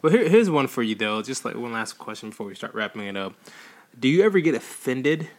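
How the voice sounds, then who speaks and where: A man's voice: medium pitch, very animated, a little fast. A young man co-hosting a casual podcast, rambling through personal examples with lots of filler words. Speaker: podcast co-host. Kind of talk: casual conversation.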